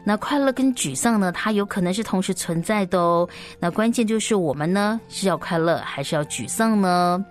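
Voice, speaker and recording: A woman hosting a children's story programme, speaking in animated, simple, explanatory phrases as if reading to small children, with soft particles ending many sentences. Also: medium pitch, normal speed, few pauses.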